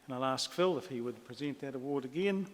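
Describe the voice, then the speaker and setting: A long hall reverb surrounds a man's mid-pitched voice. He speaks from the podium as a master of ceremonies, making formal announcements. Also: expressive, fairly quick. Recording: reverberant hall, amplified speech.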